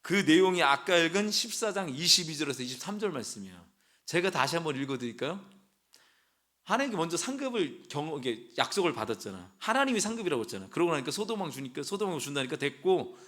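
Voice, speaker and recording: Animated preaching man, lively swooping pitch. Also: fast talker. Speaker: pastor. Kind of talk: sermon.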